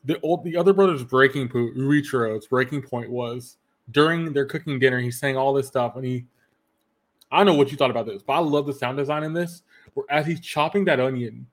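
A man's voice: mid-range voice, a little fast. A man hosting a casual podcast, eagerly retelling anime scenes and quoting characters as he goes. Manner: retells scenes with quoted lines, many restarts. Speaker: podcast host. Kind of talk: casual anime review chat.

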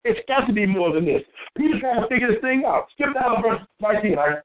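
A man's voice: high-pitched, expressive, fast talker, phone-quality sound. A man co-hosting a Bible study who keeps jumping in with affirmations and questions. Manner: interjects often with affirmations and questions. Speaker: co-host of a Bible show. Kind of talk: call-and-response Bible study.

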